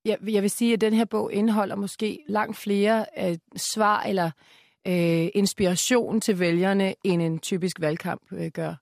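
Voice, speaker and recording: A woman who is a guest author on a radio talk show, arguing her points in a measured, earnest way with frequent fillers. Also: mid-range voice, fairly even intonation, gravelly, darkish tone. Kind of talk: radio debate. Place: radio studio.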